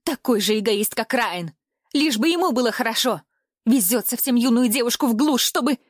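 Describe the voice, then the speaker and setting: A woman's voice: fairly high pitch, expressive, a little fast, no room sound, clean studio sound. A woman voicing an anxious, overprotective middle-aged mother who scolds her daughter in an audiobook. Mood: accusing.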